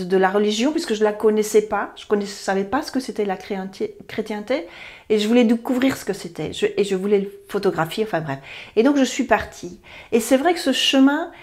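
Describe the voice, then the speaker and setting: A woman's voice: medium pitch, brisk, a little mellow. A woman, a therapy practitioner talking earnestly to camera, rambling and correcting herself as she goes. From Belgium. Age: 50s. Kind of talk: personal talk to camera.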